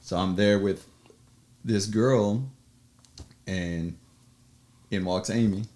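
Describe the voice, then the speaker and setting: A low-pitched man talks as a podcast guest in a loose, conversational way. He tells his story with energy, slipping into quoted voices and breaking into laughter. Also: takes it slowly. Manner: animated storyteller, acts out quotes, laughs often. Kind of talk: casual storytelling chat.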